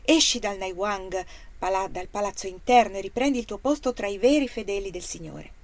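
A secretive woman presses her urgent advice in a hushed tone, as a woman narrator reads her. It is a storybook reading. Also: medium pitch, fairly quick, dry recording, close to an everyday voice. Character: secretive woman urging a slave to flee.

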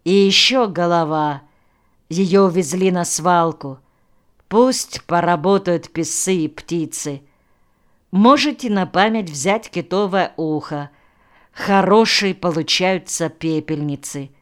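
A woman's voice: on the low side, slow, clear, resonant tone. A woman reading the lines of a sardonic, curt male outpost chief who mocks his opponent. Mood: dry. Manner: mocking, curt.

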